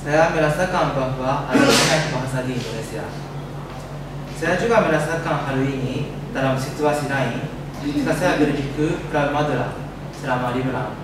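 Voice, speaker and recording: A man's voice: mid-range voice, normal speed. A young man from Japan with a Japanese accent gives a prepared speech as a foreign student, carefully speaking a language he has learned. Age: young adult. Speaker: exchange student giving a presentation. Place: echoey indoor room. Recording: echoey room, distant mic, loud noise.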